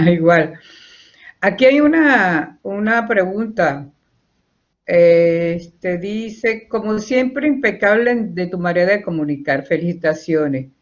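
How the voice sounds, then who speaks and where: A man moderating an online talk, reading audience questions aloud in a measured way. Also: high voice, lively intonation. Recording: dull lo-fi audio.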